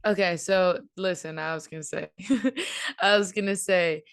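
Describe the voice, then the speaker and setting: A woman's voice: lowish voice, unhurried, smooth. A young woman co-hosting a podcast, chatting casually, giggly and rambling. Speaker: podcast co-host. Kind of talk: casual chat.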